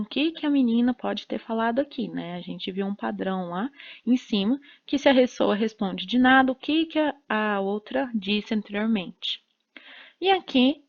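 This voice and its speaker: A woman teacher walks students through a lesson, pausing often to check they follow. Her voice sits fairly high. The recording sounds dull and lo-fi. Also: creaky. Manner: explains slowly, checks in with "né?" and "certo?".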